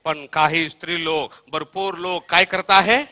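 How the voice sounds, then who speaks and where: A man with a Marathi accent preaching a Bible study sermon, echoing verses after a reader and swinging between soft murmurs and loud shouted calls. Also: on the high side, steady tone, unhurried. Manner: repeats verses line by line after the reader, prompting with "हा". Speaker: pastor.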